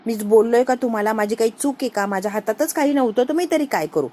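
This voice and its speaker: A woman's voice: on the high side, animated, fast, mellow. A woman voicing a distraught young man who pleads through tears. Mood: pleading. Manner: pleading, repeating himself.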